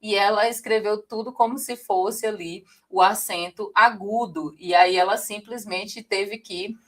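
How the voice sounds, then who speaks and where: Woman, from Brazil, online teacher, lively, talks straight to viewers, checks in often. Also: medium pitch, measured pace. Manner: lively, addresses viewers directly, frequent "tá?" check-ins. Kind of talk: live online class.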